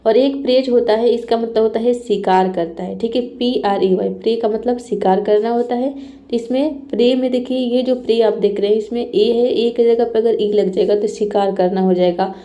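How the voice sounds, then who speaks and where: Mellow-voiced woman teaching vocabulary. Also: fairly high pitch, fairly even intonation, normal speed, lo-fi sound. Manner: spells words out letter by letter; checks in with frequent "okay". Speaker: English teacher. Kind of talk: explaining vocabulary lesson.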